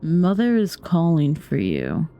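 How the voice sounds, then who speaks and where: A woman's voice: deep voice, wildly swooping pitch, slow, warm tone, dull audio, soft background music. A woman giving casual let's play commentary, informally musing aloud as she plays and reads along. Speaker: gaming streamer.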